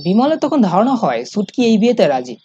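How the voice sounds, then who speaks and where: A man's voice: high-pitched, wildly swooping pitch, fast talker, slight background noise. A man narrating a scripted first-person horror story in a suspenseful, dramatic manner. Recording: dull lo-fi sound, music behind. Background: loud music.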